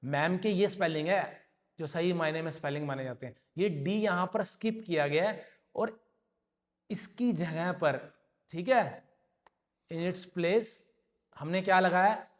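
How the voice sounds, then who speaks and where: A man's voice: high-pitched, unhurried. A man teaching an English grammar lesson to a class, explaining patiently and often checking that students follow. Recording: long reverb in a hall.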